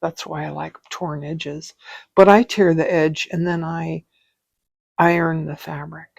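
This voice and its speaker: A woman's voice: sits low, steady tone, a little slow, gravelly, dry recording. A woman teaching a casual craft tutorial, chatty and rambling as she thinks aloud. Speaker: stitching teacher.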